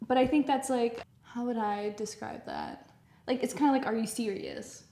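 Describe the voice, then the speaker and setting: A young woman co-hosting a podcast in casual chat, playful and quick to laugh. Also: fairly high pitch, fairly even intonation, dark tone, echoey room. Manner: giggly, chatty, playful. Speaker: podcast co-host.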